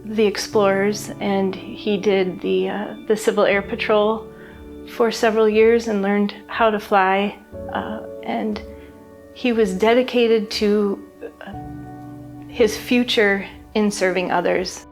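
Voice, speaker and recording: A middle-aged woman speaks softly and reflectively in a documentary interview, pausing and searching for words. Her voice sits at an ordinary pitch for a woman. Faint music plays beneath her. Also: little pitch movement. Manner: soft, reflective, halting with pauses. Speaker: bereaved mother telling her story.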